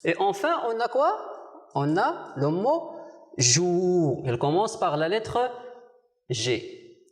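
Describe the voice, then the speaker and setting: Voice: medium pitch, very animated. A primary school teacher giving a televised French lesson, asking the pupils questions and answering them, repeating words with care. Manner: slow, deliberate, repeats words for clarity. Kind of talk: televised distance-learning lesson.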